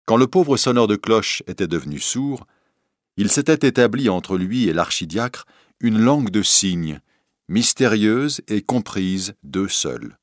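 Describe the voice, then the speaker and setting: A man reading a story aloud in scripted narration, expressive and storytelling. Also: fairly low pitch, unhurried, no echo, clean studio sound.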